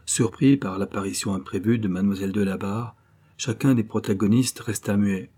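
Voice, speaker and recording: A man narrating an audiobook in a measured, grave storytelling manner. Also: on the low side, mellow, breathy edge. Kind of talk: scripted narration.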